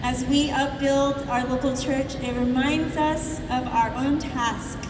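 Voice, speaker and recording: A woman's voice: high-pitched, steady tone, slow pace, noisy background. A woman interviewing a guest on a conference stage, leading the talk and summing up the answers. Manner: leading, summarizing, prompting questions. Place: large convention hall. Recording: echoey hall, distant mic, music.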